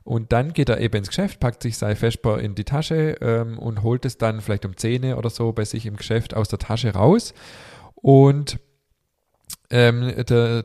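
This podcast host has a mellow, medium-pitched voice and is a bit congested from a cold. His casual chat wanders, full of fillers and false starts.

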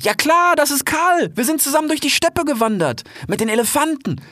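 An eager young grey fox from a storybook, shouting out with bright excitement, as a man voices him. His voice jumps far above the reader's usual pitch and bounces with lively swings. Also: fairly quick, no echo, clean studio sound, full character voice. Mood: excited. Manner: excited, loud exclamations.

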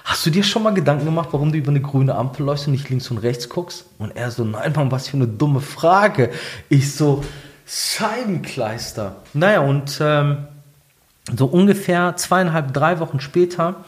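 A man's voice: a little high, moderate pace. A man casually telling a personal story, acting out quoted dialogue in changing voices, colloquial with lots of fillers. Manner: colloquial, many fillers and "ich so". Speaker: guest telling his life story.

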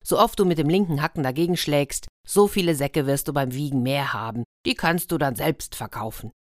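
A woman's voice: deep voice, brisk, dry recording, clean studio sound, lightly acted. A woman putting on a sly old devil, mocking and whiny. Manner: mocking, later whining.

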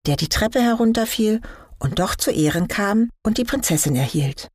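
A woman voicing a small, stout, jovial man telling children a story, cheerful and a little quicker. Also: medium pitch, lively intonation, darkish tone, husky, no echo, studio quality, voice pushed up.

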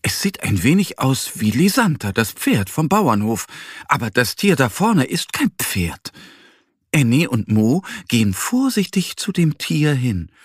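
A man narrating a children's story slowly and gently, with a husky voice. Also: medium pitch, dry recording, clean studio sound. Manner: slow, gentle, expressive.

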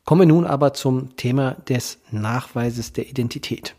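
Nasal, stuffed-up male podcast host, mellow voice. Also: medium pitch. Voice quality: nasal, congested from a cold. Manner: hesitant, halting delivery with many ehs and ums. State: has a cold. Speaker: podcast host, legal guardianship professional. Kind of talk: informal podcast monologue.

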